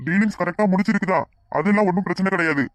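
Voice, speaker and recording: A man voicing a stern businessman partner in a cartoon, questioning briskly and demanding answers. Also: high-pitched, no room sound, lightly acted.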